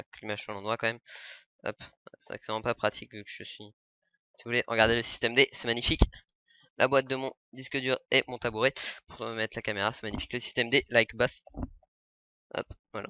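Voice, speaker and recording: A man's voice: mid-range voice, pushed and bright, smooth. A man casually chatting to his webcam at home, rambling with lots of fillers as he shows off yard-sale finds. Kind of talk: casual webcam unboxing chat. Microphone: webcam mic. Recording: dull lo-fi webcam sound.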